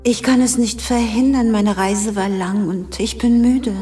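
A woman's voice: on the high side, fairly even intonation, a little slow, mellow, soft background music, close to an everyday voice. A woman voicing an earnest, curious young boy prince in a storybook, asking polite questions. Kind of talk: storybook reading.

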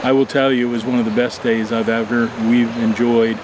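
An older man in his sixties, an insect expert and fly fishing instructor, answering interview questions outdoors by a stream in a measured, explanatory way with many fillers. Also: mid-range voice, level tone, noisy background.

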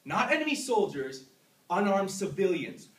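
The young man, in his twenties, has a high-sitting voice with big pitch swings as he portrays a tormented, self-loathing Vietnam veteran, agitated and defensive. His emotional, halting lines veer between hushed and explosive. It's captured in a classroom by a distant camera, roomy with faint noise.

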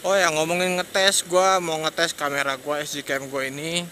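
A young man with a Jakarta accent talks in a slangy, hesitant ramble, laughing now and then as he rides. His voice sits a bit high and sounds bright and tense. A faint hum of traffic and engine runs under his talk. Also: flat delivery, normal speed. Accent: Jakarta Indonesian. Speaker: motovlogger. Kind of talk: casual rambling chat while riding. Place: riding a motorbike at night on city streets. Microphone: external mic on a helmet action cam. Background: traffic and engine noise.

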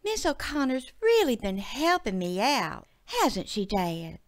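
A woman reading aloud, voicing a bookish, wary teenage country girl in a high, bright voice. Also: big pitch swings, slow, no room sound, heavily acted. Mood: earnest.

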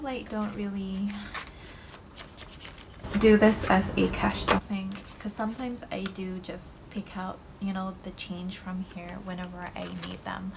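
A young Malaysian woman who runs a budgeting channel chats casually to camera while counting cash at her desk indoors, filmed by an overhead camera showing the desk and her hands. Her voice sits at medium pitch over background noise, and she talks slowly and relaxedly, full of ums and likes.

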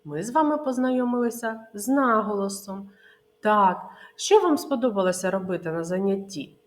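A woman preschool teacher from Ukraine giving a literacy lesson to small children, saying words slowly and clearly, asking questions and answering them herself. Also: medium pitch, animated.

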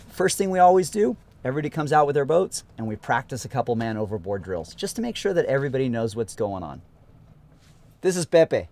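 A man's voice: medium pitch, darkish tone. A man in his thirties, a sailing instructor, giving an upbeat and practical lesson on a sailboat outdoors. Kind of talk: casual instructional talk.

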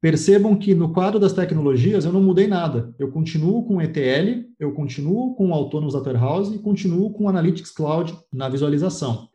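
A man with a somewhat high, mellow voice walks viewers through a slide-based technical presentation. He explains patiently and speaks straight to his audience, setting them challenges. The sound carries a roomy echo. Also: dull audio. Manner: explanatory, addresses viewers directly, poses challenges. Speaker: cloud data architecture presenter.

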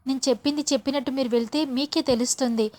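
A woman's voice: sits high, steady tone, fast talker, a little mellow, lightly acted. A woman voicing a sly, scheming middle-aged mother who coaxes and insists. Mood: insistent. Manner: coaxing, insistent.

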